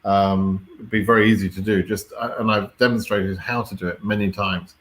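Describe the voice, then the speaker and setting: Speaking with a British accent, a man runs a casual live question-and-answer stream in a blunt, wry, somewhat exasperated manner, swearing now and then. His lowish voice is steady and a bit bright, at a moderate pace.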